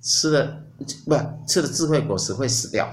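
A man's voice: mid-range voice, lively intonation, normal speed, echoey room, a little hiss or hum, natural voice. A man voicing a coy first woman of a creation tale, speaking in a wheedling, pouty way.

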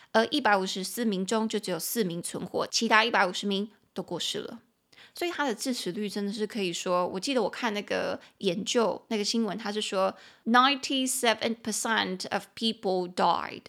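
Taiwanese woman teaching English, gravelly voice. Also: medium pitch, fairly bright tone. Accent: Taiwanese Mandarin. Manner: reads English sentences slowly, then explains and spells them; chatty, explanatory. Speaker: English teacher and podcast host. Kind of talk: bilingual language-lesson podcast.

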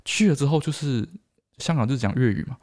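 A man's voice: mid-range voice, expressive, quick pace, a little mellow. A man with a Taiwanese accent co-hosting a casual chat, blunt and slangy, repeating phrases for emphasis. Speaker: podcast co-host.

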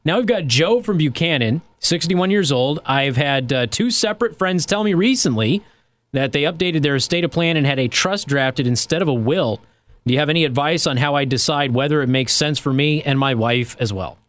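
A man's voice: on the high side, lively intonation, moderate pace, a bit bright. A man hosting a radio talk show, reading out listener questions and station plugs.

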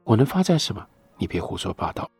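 Desperate young woman lover, quiet and questioning; low husky read by a male narrator. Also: very animated, fast talker, dry recording, faint music behind, heavily acted. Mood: searching.

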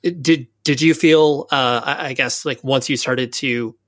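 Male podcast host from California; thoughtful winding questions, dry studio sound, mid pitch. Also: fairly even intonation, unhurried, fairly bright tone, no echo. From California, USA. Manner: articulate, long winding questions. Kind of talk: casual interview chat.

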